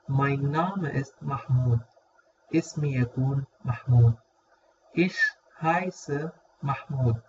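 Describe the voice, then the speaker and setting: A man from Egypt with an Egyptian Arabic accent, giving a casual spoken lesson and repeating words slowly. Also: fairly high pitch. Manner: repeats words slowly and drawn out, checks in with listeners. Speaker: German language teacher. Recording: dull lo-fi audio with faint noise.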